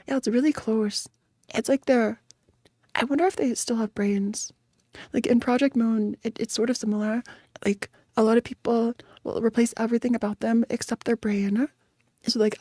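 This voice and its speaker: A woman's voice: fairly high pitch, warm tone, no echo, clean studio sound. A woman VTuber chatting casually on a reaction stream in a playful, cute anime-streamer manner, given to little exclamations.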